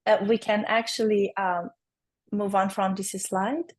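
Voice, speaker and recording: A woman with a hoarse, raspy voice from laryngitis gives an explanatory presentation as an invited speaker. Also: medium pitch, little pitch movement, a little slow. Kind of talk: presentation to an online conference.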